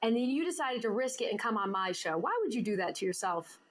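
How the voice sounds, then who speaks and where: A woman hosts an interview show, chatting casually with her guest in a medium-pitched voice with lively intonation and a fast pace. She's bubbly and teasing, laughing often as they banter.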